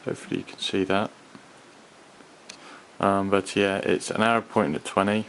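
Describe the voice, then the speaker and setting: A man giving an unscripted hands-on product review in a hesitant, halting, rambling manner. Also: sits low, steady tone, fairly bright tone, poor audio. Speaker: gas mask collector and reviewer. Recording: clearly audible background noise.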